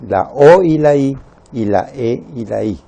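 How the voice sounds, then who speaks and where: A man teaching a Spanish lesson, slowly spelling out words syllable by syllable and counting them. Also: mid-range voice, lively intonation, creaky, dark tone. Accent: Latin American Spanish.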